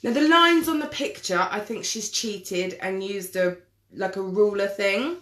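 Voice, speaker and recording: A woman chatting casually through a live makeup tutorial, self-deprecating and quick to laugh. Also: medium pitch, fairly bright tone. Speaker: makeup vlogger.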